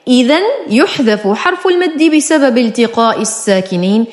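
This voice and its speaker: A woman calmly explaining a Quran recitation rule step by step. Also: on the high side, normal speed. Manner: calm, methodical rule-by-rule explanation. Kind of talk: tajweed lesson explanation. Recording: echoey room.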